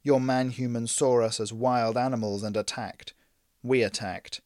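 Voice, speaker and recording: A man puts on a massive spider-like alien diplomat who talks in short, broken phrases. The delivery is slow and deliberate, with a flat, heavy weight to each word. Recorded dry and close. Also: mid-range voice, no echo, close to an everyday voice. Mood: accusing. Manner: slow, broken clipped speech. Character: huge spider-like male alien diplomat, blunt, terse.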